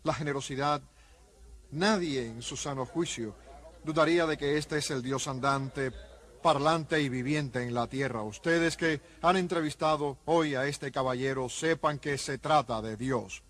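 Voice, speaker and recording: A man's voice: mid-range voice, unhurried, a bit bright. A man speaking fervently and reverently in a dubbed documentary interview.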